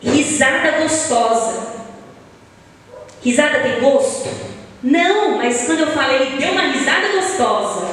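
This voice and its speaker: A woman leading a Bible study, asking the audience questions and answering them herself, drawing out her examples. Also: high voice. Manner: lively, drawn-out emphasis on examples. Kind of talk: church Bible study lesson. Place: church hall. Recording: echoey hall, voice from far off, faint ambience.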